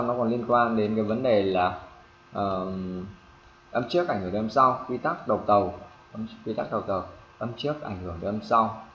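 A man teaching English pronunciation to a class, repeating examples and checking often whether students follow. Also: a bit bright. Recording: echoey room, dull low-fi sound, faint hiss.

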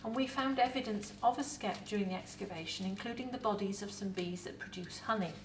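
A woman's voice: medium pitch, brisk, background noise. English woman presenting in a roomy space. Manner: lively, chatty presenter with props. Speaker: museum educator in Viking costume. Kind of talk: educational talk to camera. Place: indoor museum set with replica kitchen. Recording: roomy echo, voice from a distance.

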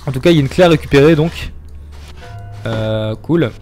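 A man's voice: medium pitch, moderate pace, darkish tone, soft background music. A young man chatting and joking as he streams a horror game, reading chat and yelping at scares. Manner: chatty, jokey, reacts with yelps and laughs. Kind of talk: live gameplay commentary.

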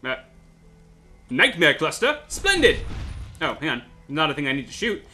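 A man's voice: a little high, expressive, moderate pace, sharp tone, soft background music. A man playing a video game, making sarcastic jokes to himself and swearing as he plays. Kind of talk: casual let's-play commentary.

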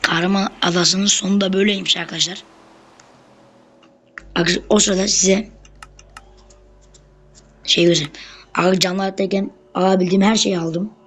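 A gameplay YouTuber giving casual commentary, chatting nonstop to the viewers as friends and breaking into excited bursts during fights. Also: medium pitch, moderate pace, long pauses, rough recording.

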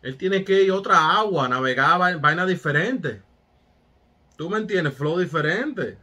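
A man's voice: on the high side, expressive, unhurried, bright, forceful tone. A man giving hyped, casual commentary as a music reaction host, talking straight to his viewers with street catchphrases.

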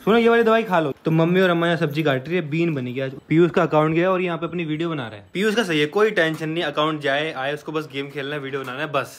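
A man's voice: on the high side, fast talker, hardly any pauses, slight background noise. A young man filming a casual home vlog, patiently coaxing and explaining things to a sick child. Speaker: vlogger. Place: family home.

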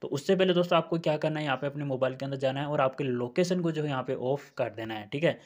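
A man's voice: fairly high pitch, fast talker. A man walking viewers through phone settings, step by step and repeating himself often. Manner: repetitive, addresses viewers as friends, step by step. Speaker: tech tutorial host. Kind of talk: screen-recorded phone tutorial.

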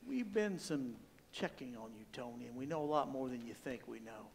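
A man's voice: medium pitch, lively intonation, a little fast, creaky. A man playing an unafraid rival mobster's envoy in a stage comedy, taunting and confrontational.

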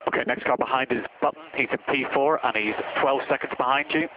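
A man speaks as a race engineer over race car radio. He gives short, repeated instructions at a quick pace, and the transmission sounds slightly dull. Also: mid-range voice, slight background noise. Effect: team radio transmission.

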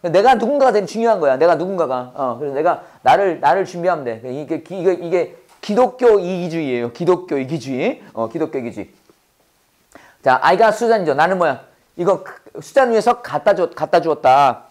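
A man's voice: on the high side, animated, moderate pace, a little mellow. A Korean-speaking man teaching a Bible-based English lesson to a class. He drills phrases with call-and-response and laughs often.

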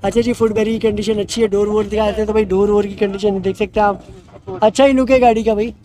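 Fast-talking upbeat male car vlogger. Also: high-pitched, fairly even intonation, warm tone, low-quality recording. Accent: Karachi Urdu. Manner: fast, upbeat salesman patter, repeats "bhai". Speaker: vlogger showing used cars. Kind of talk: casual walk-around car review. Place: outdoor car market lot.

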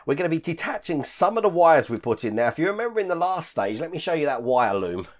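This hobby-channel host, a man in his fifties, talks fast with lively rises and falls in pitch while explaining each step of a model build. His deep voice is rough, husky and croaky after illness, with occasional coughs. The casual walkthrough is filmed in his home hobby room full of collectibles, where he chats while handling the parts.

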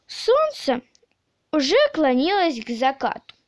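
A woman narrating a children's audiobook in a slow, expressive storytelling manner. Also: high-pitched.

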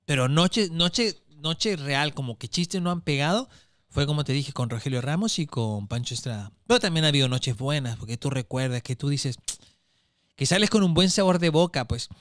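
A man's voice: fairly high pitch, normal speed, no room sound, studio quality. A man who does stand-up comedy, telling road stories in casual chat and acting out hecklers and crowd voices. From Chile. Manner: acts out crowd voices and hecklers, animated storytelling, heavy slang.

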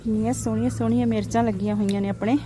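A woman's voice: fairly high pitch, steady tone, racing. A woman with a Punjabi accent chatting casually to viewers in an outdoor vlog, with dramatic exclamations and sing-song repeated phrases. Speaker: vlogger. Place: outdoors in a vegetable field. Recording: faint outdoor farm background noise.

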